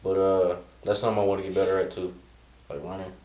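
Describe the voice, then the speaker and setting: A man's voice: low voice, little pitch movement, fast, darkish tone. A young man co-hosting a casual fitness chat in an easygoing, joking way. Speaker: co-host. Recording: echoey room.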